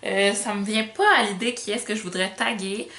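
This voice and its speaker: A woman's voice: medium pitch, steady tone, normal speed, sharp tone. Young female vlogger, light island Québécois accent, informal filler-heavy chat, roomy echo. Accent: Magdalen Islands Québécois French, light. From Magdalen Islands, Quebec. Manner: chatty, informal slang, many fillers. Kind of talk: casual Q&A chat to camera.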